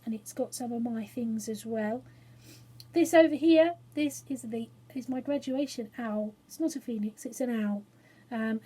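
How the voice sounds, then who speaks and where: An English woman chats informally and reads a storybook aloud to children, self-deprecating and explaining things simply. Her voice is on the high side, warm with a breathy edge. She's in a small spare room study at home.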